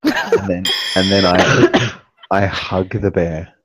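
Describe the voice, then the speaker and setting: A man's voice: low voice, takes it slowly, husky, dry recording. A young man playing a tabletop game, goofily describing his character's actions and making puns. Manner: goofy, punning. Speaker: player.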